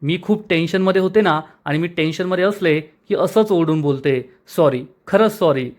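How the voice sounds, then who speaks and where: A man voicing a hurried, flustered young wife in a retold serial, talking impatiently. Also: on the high side, lightly acted. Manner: impatient, fretful.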